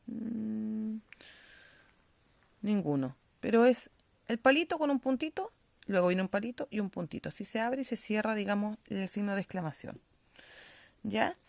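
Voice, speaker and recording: A woman's voice: medium pitch, expressive, normal speed, darkish tone, no room sound. A woman teacher giving a reading-comprehension lesson, explaining patiently and often checking that pupils follow.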